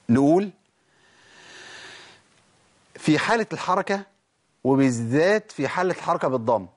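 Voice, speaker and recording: A man with an Egyptian accent teaching Quran recitation rules, quizzing his listeners with rhetorical questions and demonstrating words slowly. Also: medium pitch. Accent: Egyptian Arabic. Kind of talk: recorded tajweed lesson.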